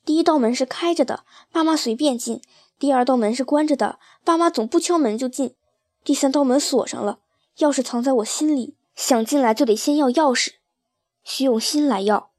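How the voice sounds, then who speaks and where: A woman reading a first-person story aloud in an expressive, emotional way. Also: sits high, normal speed, no echo, clean studio sound.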